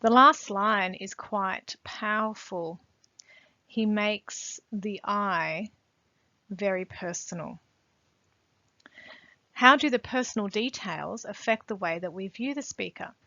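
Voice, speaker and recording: A woman teacher giving a poetry lesson, pausing often with fillers and reading quoted lines with more force. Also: medium pitch, pushed and bright, no room sound. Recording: dull, slightly muffled recording.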